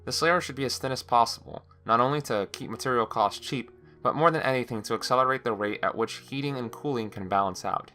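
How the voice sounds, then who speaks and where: A man with a fairly low, bright voice delivers a technical monologue for his project journal. He is measured and methodical, favoring long, detailed explanations. Soft music plays behind him. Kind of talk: semi-scripted technical monologue. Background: background music.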